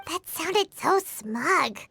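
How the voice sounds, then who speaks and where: A woman's voice: very high voice, animated, very slow, creaky, pushed and bright, full character voice. A woman voicing a tiny floating female companion creature in a game, blunt and exasperated.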